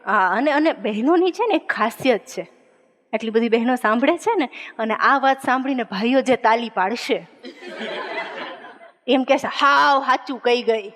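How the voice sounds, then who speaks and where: High-voiced woman telling jokes. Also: slight background noise. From Gujarat, India. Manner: chatty storyteller acting out dialogue. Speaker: comedian. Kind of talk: stand-up joke telling. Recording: long hall reverb.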